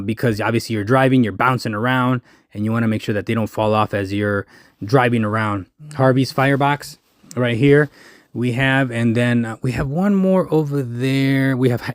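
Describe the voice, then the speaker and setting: A man's voice: mid-range voice, no echo, clean studio sound. A man casually talking through a walking tour of a food truck festival outdoors, pointing things out as he goes. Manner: chatty, points things out as he walks. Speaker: food truck owner and vlogger.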